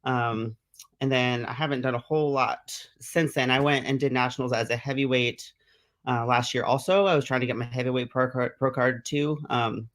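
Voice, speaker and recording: A man, a strength athlete, talking as a guest on a casual video call interview in a relaxed, matter-of-fact way. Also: mid-range voice, moderate pace. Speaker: pro strongman athlete, guest.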